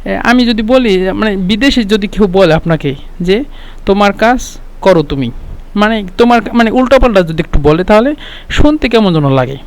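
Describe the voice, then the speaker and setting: A man with a high voice gives a relaxed spoken language lesson. He explains patiently, fills pauses with hesitations, and repeats each example phrase several times. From Bangladesh. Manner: explains slowly with many fillers and repeated examples. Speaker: Arabic language teacher.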